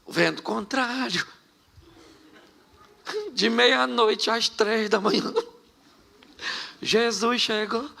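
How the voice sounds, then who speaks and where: A Brazilian man preaching a humorous storytelling sermon, animated and joking, often laughing between phrases. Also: very high-pitched, extremely slow, vocal fry, pauses often. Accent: Brazilian Portuguese. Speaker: pastor.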